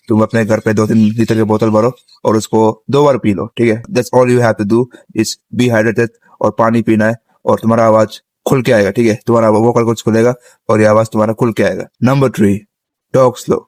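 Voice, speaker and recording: A man's voice: on the low side, little pitch movement, a little fast, a little mellow, no room sound. A young man giving a casual spoken tutorial on vocal tips, outdoors on a rooftop. He explains step by step and keeps checking in with his listeners. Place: outdoors on a rooftop, sitting on the ground.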